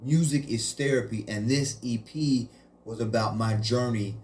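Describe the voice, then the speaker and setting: A man's voice: medium pitch, a little slow, darkish tone, a little hiss or hum. A man who grew up in Haiti, a musician guest chatting casually in an interview in a laid-back way, often saying "you know" and "man".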